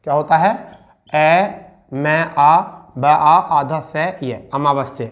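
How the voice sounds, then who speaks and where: A man teaching spelling in an online exam-prep lesson. He repeats each word slowly, quizzes his students and calls them beta and bhaiya. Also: a little high, steady tone. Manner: addresses listeners as beta and bhaiya. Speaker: Hindi teacher.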